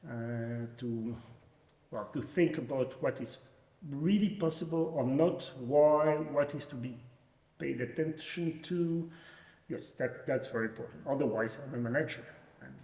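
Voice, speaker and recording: A man's voice: medium pitch, measured pace, mellow. Hesitant Belgian man in echoey hall. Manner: hesitant, many fillers and restarts. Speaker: fintech founder, guest. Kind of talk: conference interview. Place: conference venue, echoey hall.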